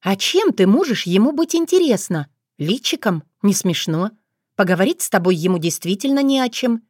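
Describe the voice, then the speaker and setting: A woman's voice: medium pitch, sing-song, normal speed, a little mellow, dry recording, clean studio sound. Woman reading a blunt, teasing older sister. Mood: lecturing. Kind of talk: audiobook character voice.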